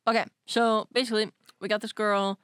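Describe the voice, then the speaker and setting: A woman's voice: mid-range voice, little pitch movement, a little fast, a bit bright, clean tone, no room sound, clean studio sound. Chatty young woman recapping a film. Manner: rambling, lots of "like", swearing, laughs easily. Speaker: co-host. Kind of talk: casual film podcast chat.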